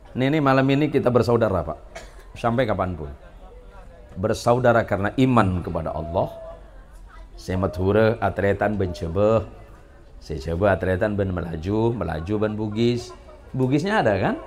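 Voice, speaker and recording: A man's voice: lowish voice, a little mellow. A man preaching to a live audience, telling funny stories and joking with listeners before building into emphatic exhortation. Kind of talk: humorous storytelling sermon to a live audience.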